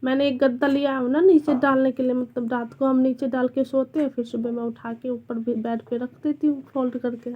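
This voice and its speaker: A woman's voice: sits high, level tone, a little fast, hardly any pauses, dull audio. A young woman vlogging casually from a small rented room at home, anxiously telling how a scare unfolded. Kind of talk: casual home vlog chat.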